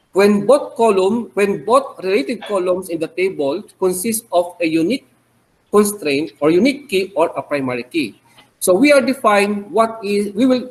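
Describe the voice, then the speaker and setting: A man's voice: high voice, rough recording. A man with a Filipino accent teaching a database webinar, explaining patiently and checking in with "okay?" as he goes. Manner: explains slowly, repeats key terms, frequent "okay?" checks. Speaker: webinar instructor. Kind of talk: online lecture.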